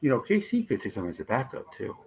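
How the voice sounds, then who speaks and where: A man hosting a live stream, hoarse and losing his voice, reacting to draft picks and answering his chat in casual commentary. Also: mid-range voice, wildly swooping pitch, fast talker, darkish tone, poor audio. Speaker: livestream host.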